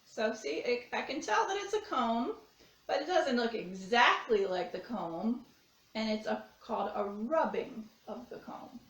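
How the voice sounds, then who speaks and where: A woman art teacher walks children through a simple craft, step by step, repeating phrases as she goes. Her fairly high voice is sing-song and unhurried, recorded with a distant microphone in an echoey room.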